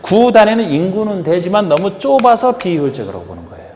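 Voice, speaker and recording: A man's voice: sits high, sing-song, fast talker, a little mellow, a little hiss or hum. Man lecturing in an echoey hall. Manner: questioning, rhetorical, coaxing the class. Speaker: real estate agent exam instructor. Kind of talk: classroom lecture. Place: large lecture classroom.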